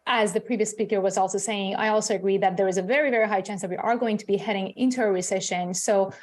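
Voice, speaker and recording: A woman's voice: mid-range voice, steady tone, quick pace. A middle-aged woman born in Iran, a crypto author and CEO, answering in a live news interview in a chatty way, with lots of fillers.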